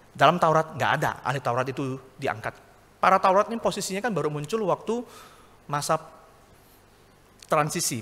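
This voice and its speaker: Bright-voiced preacher in an echoey hall. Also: male voice, a little high. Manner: conversational preaching, rising to emphatic peaks. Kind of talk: sermon. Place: church hall.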